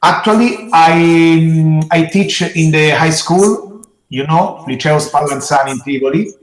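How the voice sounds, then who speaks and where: A middle-aged man with an Italian accent answers interview questions as a teacher, in halting, simple non-native phrasing. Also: a little high. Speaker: geology teacher being interviewed. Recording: echoey room.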